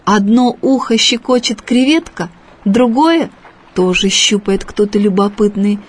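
A woman reading a children's story aloud in a measured, expressive way. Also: mid-range voice, husky.

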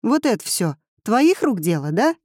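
A calm, cheerful older schoolteacher, as a woman reading the story puts her on. She speaks in a kindly, brisk way with a lively, rising and falling pitch. The mellow, dry sound sits close to the mic. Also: no room sound. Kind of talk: audiobook character voice.

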